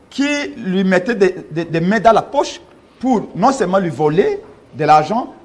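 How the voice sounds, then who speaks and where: A man's voice: high-pitched, darkish tone. A man from Congo, a political party official, defending his leader with insistent, emphatic argument in a studio interview. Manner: emphatic, argumentative, rising in force when insisting.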